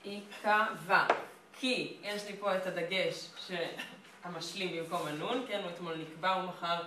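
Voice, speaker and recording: Woman teacher explaining grammar step by step, lowish voice, roomy echo, mic far off. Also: fairly even intonation, very noisy. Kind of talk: classroom grammar lesson. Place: classroom. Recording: echoey classroom from far off.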